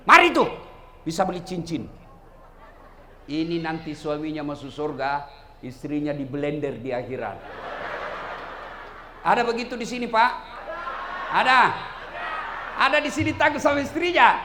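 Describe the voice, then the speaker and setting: A middle-aged man preaching a humorous sermon, animated and joking, shouting his punchlines. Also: fairly high pitch, moderate pace, long pauses. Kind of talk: humorous sermon to a large crowd. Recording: echoey hall with faint noise.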